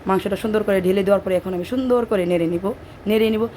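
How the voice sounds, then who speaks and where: A hoarse woman from Bangladesh with a Bangladeshi Bengali accent, chatting and wandering into stories as she narrates her cooking in a home kitchen at night. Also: medium pitch, very fast, dark tone, a little hiss or hum. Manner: chatty, digressive storytelling while cooking. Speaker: cooking vlogger.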